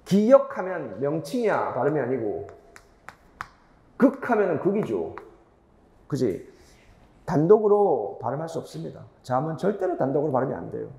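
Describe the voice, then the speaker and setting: 에코가 울리는 강의실의 남자 강사. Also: male voice, fairly high pitch, big pitch swings, moderate pace, vocal fry, pauses often, mellow, echoey room, in a large hall. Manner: rhetorical questions to students, emphatic repetition. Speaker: Korean grammar teacher. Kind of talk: lecture.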